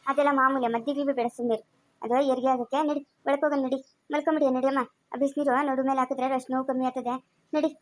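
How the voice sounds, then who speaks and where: A woman as a brisk, reassuring village mother; rural Chikkaballapur Kannada accent, quick delivery. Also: high voice, little pitch movement, lightly acted. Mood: soothing. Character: calm middle-aged village mother, soothing. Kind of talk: village family drama.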